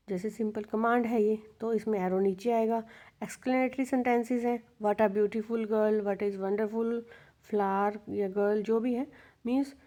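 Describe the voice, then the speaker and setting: Mellow-voiced woman teaching English intonation. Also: on the high side. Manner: patient, repeats key points with worked examples. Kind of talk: explaining English intonation in Hindi.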